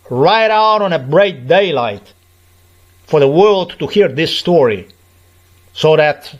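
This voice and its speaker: Slow, aggrieved man. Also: on the high side. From Slovenia. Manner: aggrieved, repetitive, emphatic. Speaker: vlogger. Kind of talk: personal monologue to camera.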